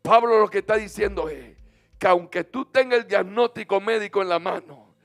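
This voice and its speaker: High-voiced Dominican pastor preaching. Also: male voice, moderate pace, creaky. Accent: Dominican Spanish. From Dominican Republic. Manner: preaching with call-and-response, urging the congregation to repeat phrases; bursts into sung, shouted phrases. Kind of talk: sermon. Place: church.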